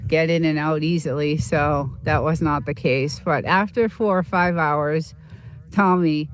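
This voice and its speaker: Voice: mid-range voice, steady tone, a little slow. A livestream host from Boston telling stories in casual, rambling chat with viewers, full of fillers and restarts. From Boston, United States. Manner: rambling, chatty, storytelling with many fillers.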